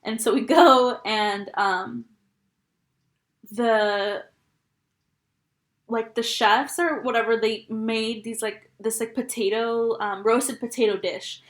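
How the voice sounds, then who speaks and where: A young woman co-hosting a podcast, telling stories in a lively, laughing way and swearing casually. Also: on the high side, slow pace, pauses often. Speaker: podcast co-host. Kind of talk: casual chat. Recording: echoey room.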